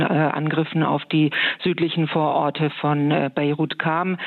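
A woman being interviewed from afar as an expert, answering in a measured, calm way with frequent hesitations. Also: sits low. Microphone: phone line. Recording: tinny phone line.

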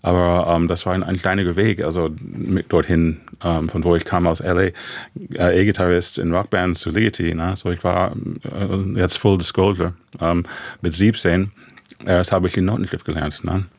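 A man with an American accent, a composer speaking German as a second language, answering in a halting, reflective way with many fillers. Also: sits low, flat delivery, no room sound. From USA. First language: English. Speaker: composer guest. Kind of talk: reflective radio interview answers.

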